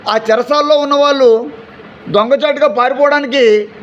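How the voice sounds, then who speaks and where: High-voiced man preaching a fervent sermon. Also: moderate pace, a bit bright, dull audio, a little hiss or hum. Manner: fervent preaching with rhetorical questions and calls of hallelujah; acts out everyday people in short quoted asides. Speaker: pastor. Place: church during an afternoon service.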